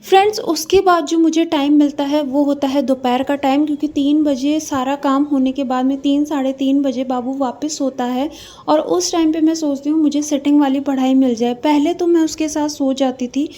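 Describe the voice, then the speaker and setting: Brief: young woman vlogger, high voice with a mellow tone, chatty, calls viewers friends. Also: fairly even intonation, moderate pace. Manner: chatty, addresses viewers as friends, frequent hesitations. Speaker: vlogger studying for an exam while raising a child. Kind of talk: casual talk to viewers.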